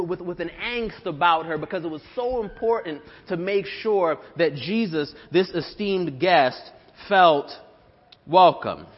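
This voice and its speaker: A young man preaches a sermon in a relaxed, chatty way, often pausing on fillers and starting phrases over. His voice sits a little high for a man. The sound is dull and lo-fi, with a long reverb from the church hall around him. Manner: conversational, with frequent fillers and restarts. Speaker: pastor. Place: church sanctuary.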